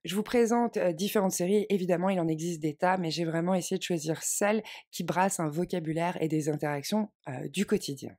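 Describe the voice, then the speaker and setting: A woman teaching an online language lesson, speaking in a clear, measured, reassuring way and stressing key phrases. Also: lowish voice, dark tone. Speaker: English teacher.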